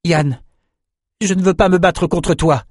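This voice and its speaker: A man voicing a gentle young male swordsman, earnest and pleading, in a storybook reading. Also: sits high, steady tone, measured pace, dry recording, clean studio sound, pitched above the performer's own voice.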